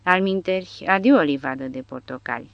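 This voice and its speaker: A woman's voice: low-pitched, no room sound, highs cut off. A woman voicing a big, brash male soldier who growls threats and boasts in an audiobook. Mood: boastful.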